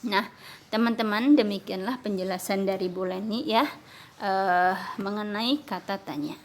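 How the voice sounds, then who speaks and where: Woman teacher explaining slowly. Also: mid-range voice. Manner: explains slowly, switching between Sundanese and Indonesian. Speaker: primary school teacher. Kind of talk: recorded classroom lesson.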